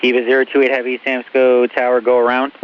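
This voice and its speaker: A man's voice: medium pitch, completely flat delivery, fast talker. A man working as an airport tower controller, giving air traffic instructions over the radio. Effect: radio transmission. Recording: muffled radio with faint hiss.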